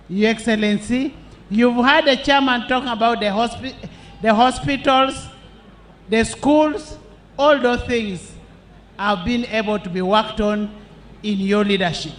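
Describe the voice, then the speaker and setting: A Ugandan-accented man giving a rousing political rally speech in emphatic, deliberate short bursts. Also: high voice, fairly bright tone, a little hiss or hum. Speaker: political speaker welcoming the president. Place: political rally, speaking through a microphone.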